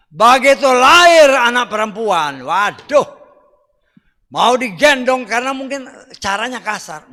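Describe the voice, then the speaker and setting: A middle-aged man preaching a sermon in a blunt, rough-spoken way, with loud emphatic bursts and quiet asides. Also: a little high. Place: church hall. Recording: church hall reverb.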